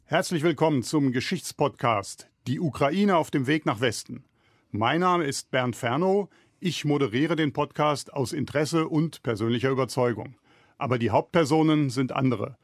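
A man's voice: medium pitch, moderate pace, no echo, studio quality. Straightforward male podcast moderator. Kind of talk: scripted podcast opening. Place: radio studio.

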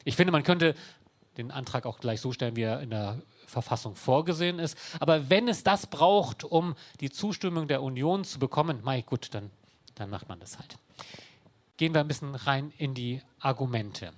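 A man's voice: medium pitch, normal speed. A man giving an explanatory talk to an audience in a conversational, wry way, with dry sarcastic asides. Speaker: speaker explaining law to an audience.

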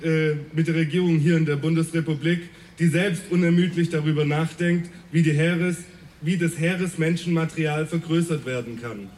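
Male rally speaker, slightly high voice, earnest and polemical, reads a prepared speech outdoors. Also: a little mellow, a little hiss or hum.

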